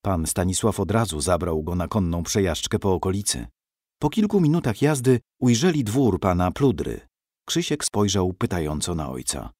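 A man reads a historical story aloud in a dramatic, expressive way. His low voice moves a lot in pitch and has a husky edge. The sound is dry and close. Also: moderate pace, no echo. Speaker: narrator. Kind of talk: scripted narration of a historical story.

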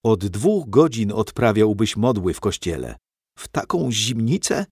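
A cheeky novice boy mutters and teases in a raised, lively voice, as a male storyteller puts him on. He grumbles under his breath with a mocking edge. His words rise and fall quickly in tone. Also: on the low side, husky, dry recording, clean studio sound, heavily acted. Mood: teasing. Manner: teasing, muttering.

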